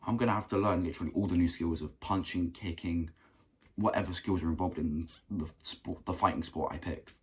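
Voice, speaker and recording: A young man giving an earnest motivational talk to camera, repeating phrases for emphasis and clearing a rough throat. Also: deep voice, fairly even intonation, fairly quick. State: keeps clearing his throat. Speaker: self-improvement vlogger.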